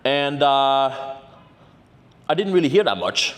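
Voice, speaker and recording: A man's voice: mid-range voice, big pitch swings, slow pace. A young man with a mid-range voice tells a story straight to camera. He is brash and boastful and swears freely, leaning on "right?" to keep the listener with him. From Norway. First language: Norwegian. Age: 20s. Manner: brash, boastful and profane, full of "right?" tags. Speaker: vlogger. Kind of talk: casual storytelling vlog.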